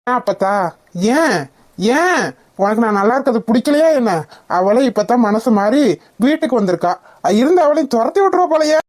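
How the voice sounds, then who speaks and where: A woman's voice: a little high, expressive, normal speed, long pauses, a little mellow, no room sound, studio quality, natural voice. A woman voicing an irritable young husband who bosses and scolds in a cartoon. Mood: scolding. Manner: gruff, indignant, bossy. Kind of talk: cartoon voice acting.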